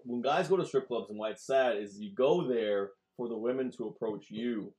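A man's voice: medium pitch, moderate pace, darkish tone. A man guesting on a comedy podcast in casual chat, blunt and teasing as he fires off questions.

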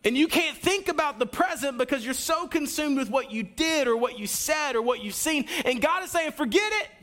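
A man giving a sermon as a pastor, preaching energetically with wide swings in pitch and loudness and talking straight to the congregation. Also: normal speed. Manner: addresses the congregation directly, with asides and a coaching tone.

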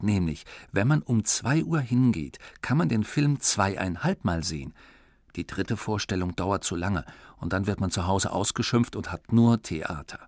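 A man gives an expressive, scripted narration of a children's book. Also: lowish voice, no room sound, clean studio sound. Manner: lively, expressive reading. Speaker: audiobook reader.

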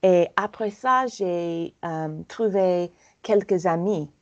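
A slow, deliberate American woman speaks in a slightly low voice, pausing often to search for her words in a language that is not her native one. Her speech is full of fillers and restarts, with the halting feel of a learner in conversation. The audio is dull and lo-fi. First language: English.

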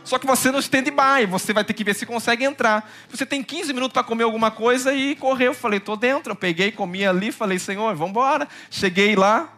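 A pastor delivers a sermon in a high, bright, forceful voice. He swings between urgent loud bursts and hushed low stretches, calling the listeners brother. Soft music plays faintly underneath. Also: brisk, hardly any pauses. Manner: addresses listeners as brother, often says hallelujah.

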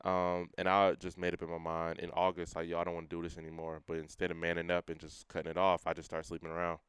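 A young man sharing a personal testimony in a casual interview, earnest and full of everyday slang, quoting himself in a quieter voice. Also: low voice, monotone, fast, smooth, dry recording. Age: young adult. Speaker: guest sharing his testimony.

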